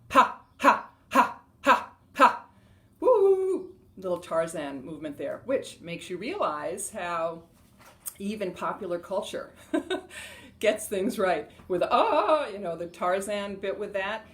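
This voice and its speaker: Lower-voiced woman teaching breathing. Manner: chatty, laughs often, loud rhythmic "ha" shouts during exercises. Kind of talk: casual instructional talk to camera.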